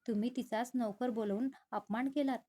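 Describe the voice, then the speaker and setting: A woman's voice: fairly high pitch, steady tone, normal speed, mellow, close to an everyday voice. Woman reading as a hot-tempered young husband. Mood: angry.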